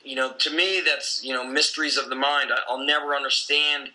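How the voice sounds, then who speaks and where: A man's voice: mid-range voice, fairly even intonation, brisk, bright, forceful tone, poor audio. A man in his forties, a gym owner and coach, talking bluntly and intensely in a casual conversation, swearing freely.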